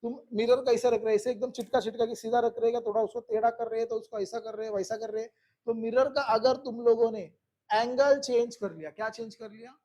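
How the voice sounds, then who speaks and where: A man's voice: very high-pitched, little pitch movement, quick pace, dark tone. A man teaching a physics class who keeps repeating questions to his students and coaxing them along.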